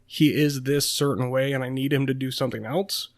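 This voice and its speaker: A man's voice: mid-range voice, steady tone, fairly quick, no echo. Chatty young man, dry close sound. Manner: rambling, laughs often, many fillers. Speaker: podcast co-host. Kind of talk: casual chat.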